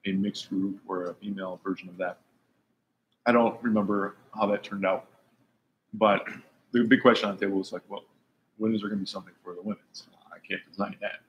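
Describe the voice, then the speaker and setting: A fairly low-voiced man hosting a live online show. He chats in a relaxed, easygoing way, full of small fillers and restarts, with a faint hiss of noise in the background. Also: a little fast, highs cut off. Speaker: host of an online talk show. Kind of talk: casual chat.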